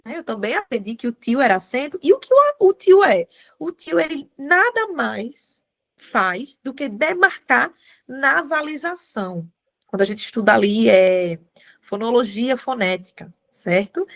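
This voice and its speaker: Lady teacher, chatty, kinda high voice, keeps checking in with the class. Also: fairly bright tone. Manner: chatty, addresses students as gente, many tag questions. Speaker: writing teacher. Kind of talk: live class lecture.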